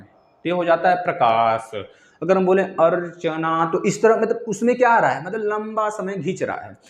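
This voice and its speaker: Male grammar teacher, fairly high voice, drills and quizzes his class, roomy echo. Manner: repeats key words, quizzes students, calls them "beta". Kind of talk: exam-prep lecture. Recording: echoey room.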